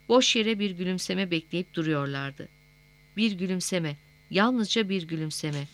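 A woman narrating a novel in a measured, scripted reading. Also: fairly low pitch, fairly bright tone. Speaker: audiobook narrator.

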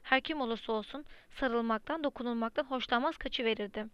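A woman reading a novel aloud as an audiobook narrator, in a steady, even storytelling manner. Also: fairly high pitch, brisk, clean tone, no room sound. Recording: dry, slightly muffled lo-fi recording.

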